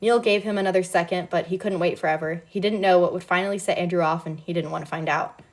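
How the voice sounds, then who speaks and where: A woman reading a novel aloud in a relaxed, casual way, now and then breaking off to comment. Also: on the low side, fast. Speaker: reader.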